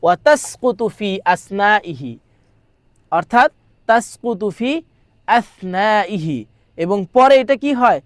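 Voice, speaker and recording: A man's voice: sits high, lively intonation, slow, long pauses, no echo, clean studio sound. A man teaching an exam-prep grammar lesson. He reads lines aloud, translates them, repeats them, and keeps asking rhetorical questions. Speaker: madrasa exam tutor.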